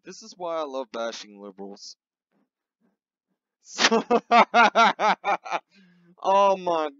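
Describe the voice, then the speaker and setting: A man's voice: mid-range voice, dry recording, dull audio. A man hosting a satirical show, delivering a profane, repetitive, mocking comedy rant. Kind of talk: ranting comedy monologue.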